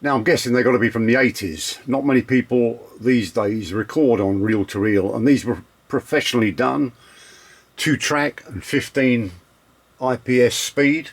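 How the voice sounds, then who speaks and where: A man's voice: medium pitch, moderate pace. A man with a London accent casually introducing an old recording, joking and rambling. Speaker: tape collector introducing a recording.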